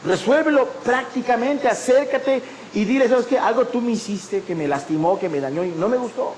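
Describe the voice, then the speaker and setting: A man preaching a sermon as pastor, animated and storytelling, often taking on the voices of others. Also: very high-pitched, moderate pace, reverberant, a little hiss or hum, poor audio. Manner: animated preaching, acting out the people in his stories.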